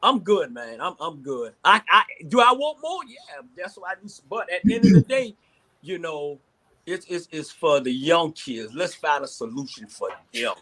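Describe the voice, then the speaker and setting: A man's voice: a little high, very animated, normal speed, sharp tone. A man in his sixties with a Southern American accent speaking informally as a panelist in a casual discussion, often repeating his phrases. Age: 60s.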